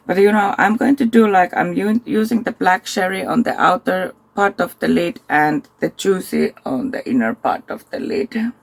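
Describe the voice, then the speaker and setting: A tired woman, chatting casually through a makeup tutorial and thinking aloud with soft asides. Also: lowish voice, moderate pace, vocal fry. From Finland. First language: Finnish. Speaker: makeup vlogger.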